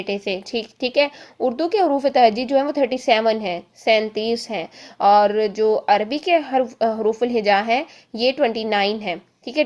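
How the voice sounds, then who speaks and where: A woman's voice: fairly high pitch, darkish tone, highs cut off. A woman teaching a Quran reading lesson step by step, in a patient manner, repeating "theek hai" between points and drawing out each letter sound as she demonstrates it.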